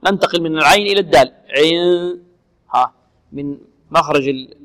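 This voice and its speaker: A man teaching Quran recitation rules, slowly repeating words to demonstrate them and asking students questions. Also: on the high side, a bit bright, in a large hall. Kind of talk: tajweed lesson for students.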